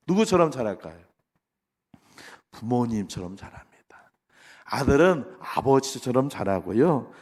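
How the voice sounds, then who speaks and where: Man, middle-aged pastor, lively sermon delivery, fairly high voice, long hall reverb. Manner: animated preaching that swings from loud exhortation to soft asides. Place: large church sanctuary.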